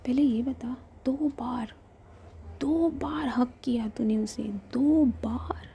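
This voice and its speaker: Whispered role-play: a scolding, possessive young woman played by a woman; dark, gravelly tone. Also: high-pitched, slow pace, a little hiss or hum, exaggerated voice.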